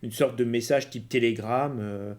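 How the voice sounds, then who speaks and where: A man with a mid-pitched voice narrates a tabletop game as game master. He improvises as he goes, hesitating and searching for words. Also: steady tone, normal speed, darkish tone.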